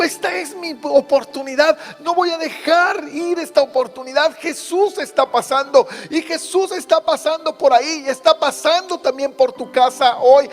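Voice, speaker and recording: A man preaching an online sermon as pastor, repeating his phrases and building to fervent appeals. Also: very high voice.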